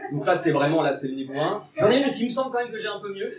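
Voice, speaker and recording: A young man from Bordeaux, France, performs his first live stand-up set, nervous, rambling and poking fun at himself. His voice sits high, sing-song and very fast. A distant mic in the echoey comedy venue picks him up over noise from the audience.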